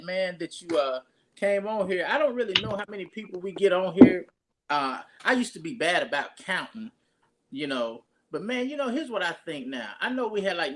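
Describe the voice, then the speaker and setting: Rambling pastor with a drawl. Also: male voice, fairly high pitch, sharp tone. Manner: rambling, with many restarts and fillers. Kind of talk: casual conversation, introducing a guest.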